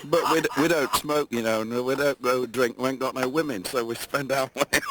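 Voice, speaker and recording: A man's voice: mid-range voice, steady tone, a little fast, a bit bright, slight background noise, low-quality recording. A man giving a casual, colloquial vox pop answer as an interviewee. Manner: plain-spoken, colloquial.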